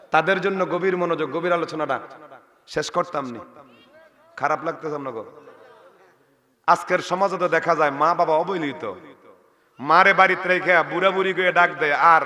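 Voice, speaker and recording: A male preacher, delivering an Islamic sermon and urging the crowd to answer loudly. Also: a little high. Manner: exhorting the crowd to respond loudly. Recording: long reverb of a large venue.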